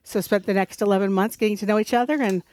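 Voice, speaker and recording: A woman's voice: mid-range voice, steady tone, fast talker, a little mellow, no room sound. Woman w a bit of north dakota accent, radio interview chat, dry studio sound. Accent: North Dakota, mixed with other areas. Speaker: radio show guest, resource center director.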